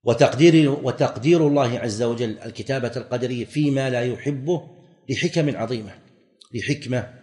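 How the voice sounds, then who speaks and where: A man teaching a religious lesson, explaining verses in a measured way and repeating his points. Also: medium pitch, a little mellow. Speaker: Islamic scholar teaching. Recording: recorded lecture with long hall reverb.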